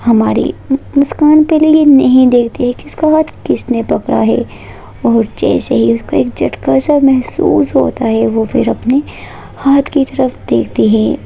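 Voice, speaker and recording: A woman narrating a romantic story in a soft, partly whispered, drawn-out way. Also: on the high side, steady tone, gravelly, slightly rough.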